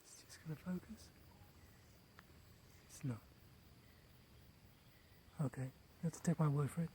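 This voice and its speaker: Higher-voiced man rambling outdoors. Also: warm tone. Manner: unscripted, pausing between short phrases. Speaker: gardener giving a tour. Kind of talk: casual rambling vlog narration. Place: outdoors in a large rural garden. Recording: noisy outdoor recording with nature sounds.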